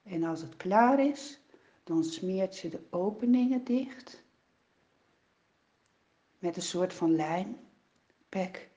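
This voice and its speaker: A woman narrating a children's Bible story in a dramatic, expressive way, with sighs and exclamations, in a dull, lo-fi recording. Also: lowish voice, slow pace, pauses often.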